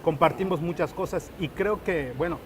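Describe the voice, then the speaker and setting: Reporter asking rambling questions. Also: male voice, on the high side, normal speed, a crowd in the background. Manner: hesitant questions with fillers and restarts. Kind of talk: interview.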